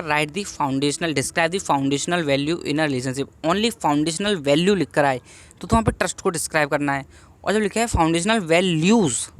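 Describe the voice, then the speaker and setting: Young male tutor with a slightly high voice, relaxed exam-prep lecture, reads English points slowly and then unpacks them. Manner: explains each point with rhetorical questions. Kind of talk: casual exam-revision lecture.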